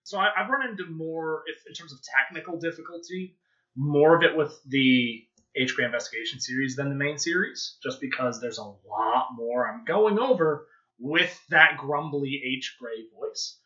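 A man's voice: a little high, normal speed, sharp tone, dull audio. A man who voices characters on a podcast, talking through his process in a casual, hesitant way with easy laughs. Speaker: podcast voice actor. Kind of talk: casual panel chat.

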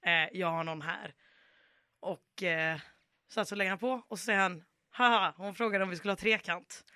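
A woman's voice: mid-range voice, dry recording, studio quality. A young adult woman, a podcast guest, telling a long anecdote in casual chat and acting out the people she quotes. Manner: animated storyteller, acts out quoted dialogue.

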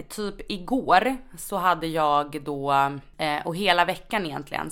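A woman's voice: deep voice, fairly bright tone. A woman with a Stockholm accent telling stories in casual, informal, slangy conversation as a podcast co-host. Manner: informal, sweary, slangy speech. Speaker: nurse.

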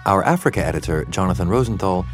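A man hosting a news podcast, reading a formal, clear introduction and then questioning a correspondent. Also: low-pitched, expressive, quick pace, soft background music. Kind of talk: scripted news introduction and interviewing.

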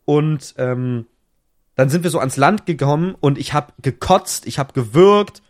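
A man's voice: on the high side, animated, a little slow. A young man retelling a close call in casual slangy chat, full of restarts, on a podcast mic. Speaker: podcast co-host.

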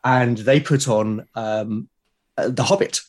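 Speaking slowly in a mid-range voice, a man in his forties with a British accent chats casually as an interview guest. He's an illustrator on a podcast, and he sounds reflective and enthusiastic.

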